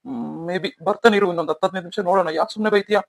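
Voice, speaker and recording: A voice actor playing a calm, reasoning young husband in a cartoon story. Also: medium pitch, rapid-fire, dry recording, natural voice.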